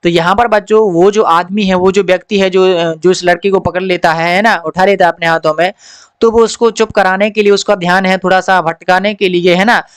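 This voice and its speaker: A man, teaching a textbook lesson, who reads English text slowly and then explains it in Hindi. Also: sits high, a bit bright, clean tone, no echo.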